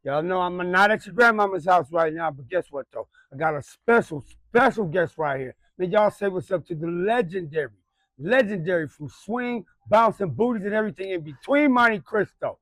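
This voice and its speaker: Male interview host with a high voice; energetic, slangy, repeats himself, dry sound. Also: moderate pace, no echo. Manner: hype, slangy, repeats phrases. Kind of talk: casual interview.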